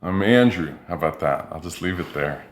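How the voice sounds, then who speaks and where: A middle-aged man speaks in a fairly low voice and tells stories from his life in a relaxed, chatty way. He is an artist and talks from his own studio, which gives the recording a roomy echo. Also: fairly quick. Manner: relaxed and chatty, with many fillers. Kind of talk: casual personal storytelling.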